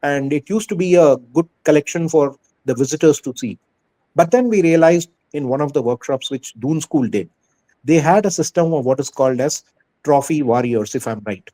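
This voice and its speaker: A man with an Indian accent speaks in a mellow, somewhat high voice. He answers as a school head in an interview, earnest and conversational, restating phrases to press his point. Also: lively intonation, normal speed, low-quality recording.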